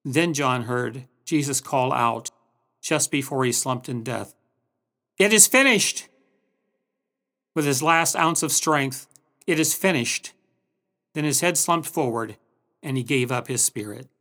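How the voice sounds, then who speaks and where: A man's voice: mid-range voice, unhurried, fairly bright tone. A man giving a scripted Bible commentary, telling the story earnestly with dramatic emphasis. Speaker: Bible teacher. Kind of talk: scripted devotional narration.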